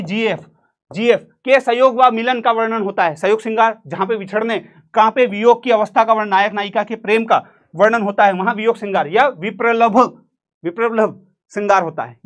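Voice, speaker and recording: High-pitched and fairly bright in tone, a man delivers an exam-prep literature lesson full of jokes. Speaking with a central Indian Hindi accent, he performs the quotes and slips in snatches of song.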